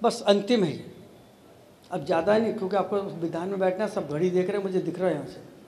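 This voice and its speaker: A man's voice: high-pitched, brisk, warm tone, a little hiss or hum. A man, a monk, giving a sermon to an audience, teasing and challenging his listeners with rhetorical questions. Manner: challenging, teasing, rhetorical, mixes in English phrases. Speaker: Jain monk preacher. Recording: echoey hall with long reverb.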